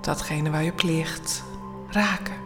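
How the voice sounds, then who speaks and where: A woman leading a guided bedtime meditation in a soothing, hushed, often near-whispered voice with long pauses. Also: low voice, steady tone, music in the background. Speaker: guided relaxation instructor.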